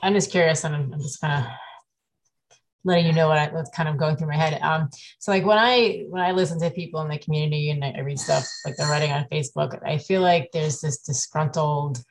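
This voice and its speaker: Female commissioner, deep voice, rambling and thinking aloud. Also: fairly quick, a little hiss or hum. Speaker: commission member. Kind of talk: public meeting discussion.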